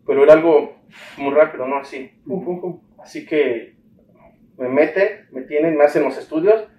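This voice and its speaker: A man with a Mexican accent tells his own story in an interview, acting out the voices of the people he dealt with. His voice sits a little high for a man. He sounds set back from the mic in a roomy, echoey space with faint ambience behind him. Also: moderate pace, distant mic, dull audio, a little hiss or hum. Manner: animated storytelling, acts out the dialogue he recalls. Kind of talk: personal account in an interview.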